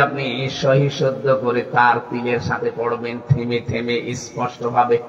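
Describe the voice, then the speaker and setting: Preacher man booming over an echoey PA. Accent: Bangladeshi Bengali. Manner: rising to loud high exclamations, chanting Quran verses; teaching style, quizzing the crowd. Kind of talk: Bengali waz sermon. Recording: echoey, distant, dull outdoor PA sound.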